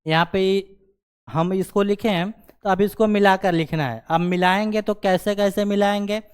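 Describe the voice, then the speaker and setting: A man's voice: sits high, steady tone, normal speed, smooth. A man teaching a grammar lesson, explaining step by step and checking in with the class after nearly every phrase. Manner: repeats "ठीक है ना" as a check-in filler.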